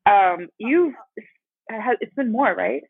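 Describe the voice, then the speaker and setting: A woman in her mid-twenties chats and praises her guest in an easy, affirming way. Her voice is a little breathy and comes through a thin, tinny phone line. The sound is dry. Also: mid-range voice, expressive, takes it slowly, dry recording. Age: 20s. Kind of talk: casual chat.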